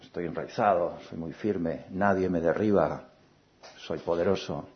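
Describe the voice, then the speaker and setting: A man voicing a proud, boastful male tree in a fable, speaking slowly. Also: sits low. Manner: boastful, slow. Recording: dull lo-fi recording.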